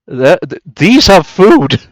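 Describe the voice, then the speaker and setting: Man, tabletop player, laughs a lot, lively pitch, dry sound. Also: takes it slowly, no echo. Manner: laughs a lot, swears casually. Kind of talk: tabletop game chat.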